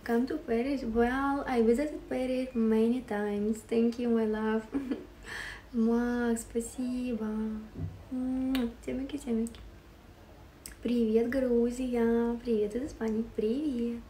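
A woman's voice: on the high side, flat delivery, takes it slowly, warm tone, reverberant, recorded from a distance, slight background noise. A woman from Ukraine hosting a casual livestream, greeting and thanking viewers, giggling often as she switches between languages. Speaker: live-stream host.

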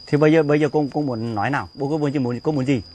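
Rapid-talking defensive man. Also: fairly high pitch, darkish tone. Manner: pleading, defensive, urging her home. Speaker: husband. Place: outdoors by a street at night. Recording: faint outdoor noise with crickets.

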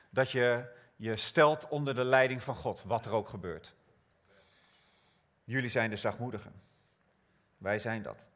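A man preaching a sermon, slow and prayerful, rising to loud emphatic scripture reading. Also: mid-range voice.

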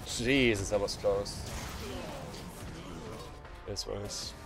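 A man streaming a game on a headset mic, reacting with excitable swearing and laughter. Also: lowish voice, drawn-out words. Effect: livestream headset mic audio. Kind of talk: live gameplay commentary. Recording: streamed voice with game music behind. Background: game music.

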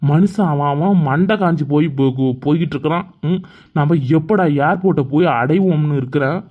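A man voicing an exasperated traveller who grumbles and orders quarrelling women to be quiet in a cartoon. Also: fairly high pitch, a little fast, lightly acted. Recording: thin phone-like recording.

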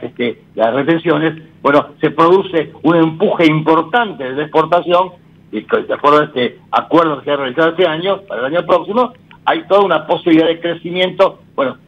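Man, radio co-host, husky voice, hesitant with fillers, dull lo-fi audio. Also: a little high. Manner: hesitant, frequent fillers and restarts. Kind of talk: radio commentary on the economy.

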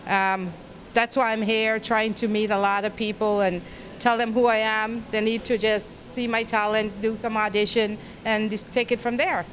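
A woman's voice: fairly high pitch, little pitch movement, normal speed, a bit bright, a little hiss or hum. A middle-aged woman from Guyana, giving a chatty, rambling red-carpet interview into a handheld mic at an indoor event. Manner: chatty and effusive, rambling with restarts. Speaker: interviewee, festival volunteer. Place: indoor event in front of a step-and-repeat banner.

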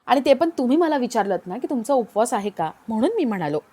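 A woman's voice: a little high, big pitch swings, fast talker, warm tone, husky. A woman doing a flustered, bashful young man. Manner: hesitant, defensive replies.

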